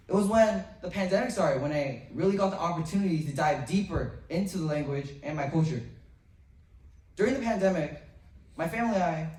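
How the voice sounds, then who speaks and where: Far from the microphone in a big, echoing hall, a young teen in 7th grade gives his school an earnest, memorized speech. His a-little-high, slightly mellow voice pauses between phrases and sometimes trips into a restart.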